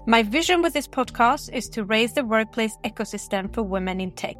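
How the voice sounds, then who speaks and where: A woman's voice: fairly high pitch, lively intonation, a little fast, faint music behind. A woman hosting a podcast, formally reading out prepared questions. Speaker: podcast host.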